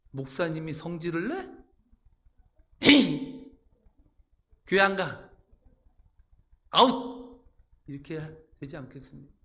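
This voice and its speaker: Gravelly Korean pastor preaching dramatically. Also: male voice, sits high. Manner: dramatic, acts out quoted voices with loud outbursts. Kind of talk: sermon.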